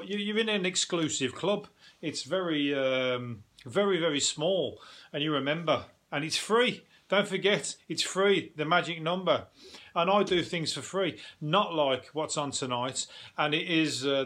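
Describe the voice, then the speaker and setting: A man's voice: a little high, fairly bright tone. A British man hosting a podcast as a casual solo chat, rambling and irreverent, with plenty of swearing. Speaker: podcast host.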